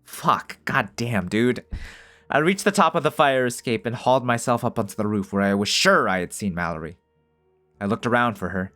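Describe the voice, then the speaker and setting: A man's voice: mid-range voice, fairly bright tone. A man reading a visual novel aloud as narration and breaking off to joke and swear in casual commentary. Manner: swears freely, jokes between narrated lines.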